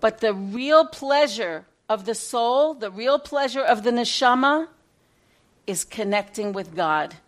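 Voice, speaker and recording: A woman teaching through a dramatic story, her voice swinging between loud bursts and hushed passages. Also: fairly high pitch, animated, measured pace.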